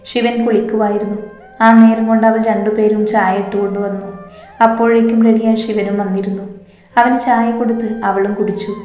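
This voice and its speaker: A woman narrating a romantic story in a steady, even storytelling manner. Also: medium pitch. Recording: roomy echo, faint background music.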